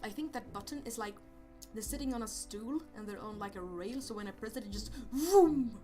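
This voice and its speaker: A let's play host puts on a goofy, raised voice with a Swedish accent, rambling and hesitating through his game commentary. His high, animated voice moves fairly quickly, and he yelps and stammers at every surprise. Loud game music plays behind him.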